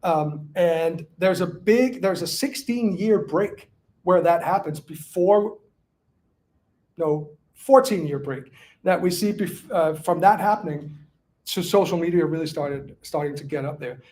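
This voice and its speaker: A man from Denmark, an author answering audience questions in casual academic talk, halting with many restarts and fillers. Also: a little high, darkish tone, slight background noise.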